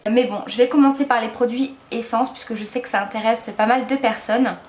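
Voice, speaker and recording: A woman's voice: on the high side, fairly even intonation, fairly quick, a little hiss or hum. A woman giving a casual makeup product review as a beauty vlogger, chatty and enthusiastic, with lots of hesitant fillers. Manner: enthusiastic, gushing about products.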